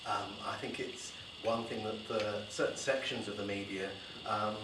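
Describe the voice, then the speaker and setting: A man speaking on a discussion panel as a journalist, measured and hesitant with filler words. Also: lowish voice, steady tone. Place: university lecture room. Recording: roomy hall from a distant mic with noise.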